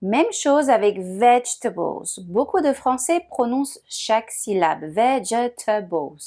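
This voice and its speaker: A woman teacher narrates a scripted pronunciation lesson in a fairly high voice. She speaks slowly and deliberately, with every word clearly shaped. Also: sing-song, darkish tone. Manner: clear, deliberate, slows down to model words.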